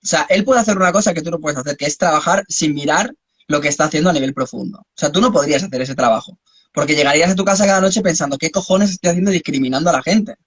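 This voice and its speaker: A man's voice: on the high side, fast, fairly bright tone, husky, no echo. Musing man with a dry sound. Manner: philosophical, musing, speaks in long spiritual reflections. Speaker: host. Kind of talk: reflective conversation.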